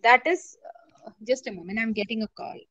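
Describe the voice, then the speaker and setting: A woman with an Indian English accent teaching a journalism class online, explaining patiently, repeating her points and pausing with many fillers. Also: fairly high pitch, a bit bright, no echo.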